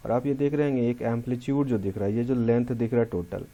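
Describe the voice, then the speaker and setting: A man's voice: medium pitch, fairly even intonation, quick pace, warm tone, lo-fi sound. A man with a Hindi accent, a pharmacy lecturer explaining a lab experiment step by step, often repeating key terms. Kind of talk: classroom lecture walkthrough.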